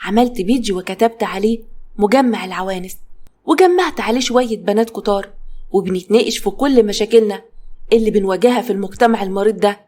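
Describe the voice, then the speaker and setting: A woman's voice: mid-range voice, quick pace, dark tone. A woman with an Egyptian Arabic accent narrating a first-person story in a chatty way, turning to her listeners now and then. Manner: chatty, addresses listeners directly.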